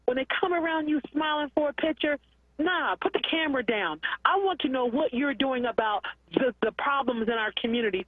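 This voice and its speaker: A caller speaks with rising conviction, stacking short repeated phrases like a preacher. The phone line is muffled and thin, and his voice comes through a little husky. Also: sits high, no echo. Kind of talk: impassioned call-in plea.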